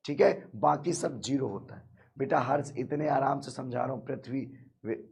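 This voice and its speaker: A man's voice: medium pitch, normal speed, creaky, a little mellow, breathy edge. A male math teacher with a sore throat, teaching a live online class, keeps asking students questions and calling them "beta".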